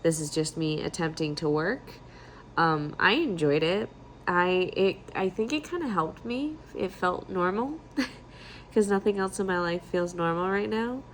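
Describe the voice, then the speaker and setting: A woman's voice: on the low side, measured pace, a little hiss or hum. A young adult woman talking casually to camera in a candid, self-deprecating, chatty way, like a vlogger. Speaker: vlogger and writer, new mother. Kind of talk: casual vlog talk to camera.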